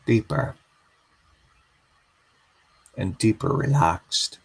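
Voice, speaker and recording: A man guiding a slow hypnosis induction, soothing and repetitive. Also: fairly low pitch, animated, gravelly, husky, rough recording.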